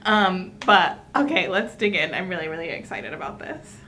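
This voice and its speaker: A woman's voice: lowish voice, lively intonation, normal speed, sharp tone, a little hiss or hum. A woman hosting a mukbang, chatting casually to viewers between bites of food. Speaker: mukbang host. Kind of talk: casual eating-show chat.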